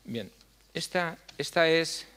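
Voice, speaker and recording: An older man addresses a hall from a lectern. His speech is earnest and halting, broken by frequent fillers as he hunts for words. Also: a little high, fairly bright tone, clean tone. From La Mancha, Spain. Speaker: foundation head giving a talk. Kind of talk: conference speech. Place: dark stage in a hall. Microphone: stand mic at a lectern.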